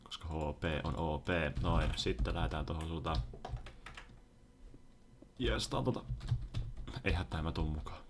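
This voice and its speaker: A young man giving excitable, casual commentary over his own gameplay, sometimes yelping when startled. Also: very deep voice, pauses often, noisy background. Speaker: gaming video host.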